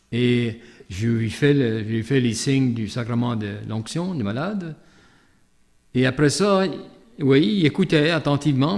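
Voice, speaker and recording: Mid-range and a little mellow, a male priest's voice carries a Canadian French accent. Following the gospel reading, he shares an anecdote in a reflective, conversational homily, pausing for hesitant asides.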